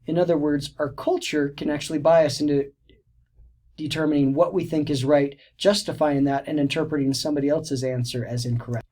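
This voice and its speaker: A man's voice: a little high, fairly even intonation, brisk, mellow. A man narrating a recorded teacher-training lecture, explaining steadily with frequent restarts and fillers. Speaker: teacher educator.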